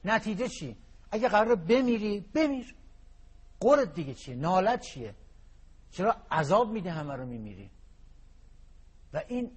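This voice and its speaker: A man giving an impassioned motivational talk, swinging between hushed and emphatic delivery and reciting verse. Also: on the high side, slightly rough. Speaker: guest speaker on happiness and hope.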